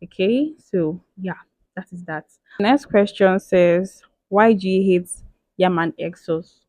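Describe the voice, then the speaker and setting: Speaking slowly in a lowish, dark voice, a Nigerian woman in her twenties chats through a casual Q&A vlog. Her manner is playful, chatty and emphatic, with her lines frequently tagged by "okay" and "like." The recording is dry.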